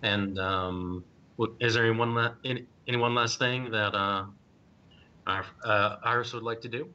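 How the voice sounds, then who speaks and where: A man's voice: fairly even intonation, moderate pace, pushed and bright. Hesitant man running a tabletop game. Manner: hesitant, many ums and uhs. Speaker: game master. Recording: dull lo-fi stream audio with faint rumble.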